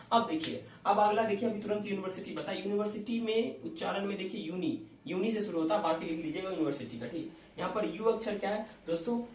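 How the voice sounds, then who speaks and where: Male teacher, high voice, quizzes viewers as he goes, echoey room with faint background hiss. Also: a little mellow, far from the mic. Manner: explains step by step and keeps asking the viewers questions. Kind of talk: classroom-style grammar lesson.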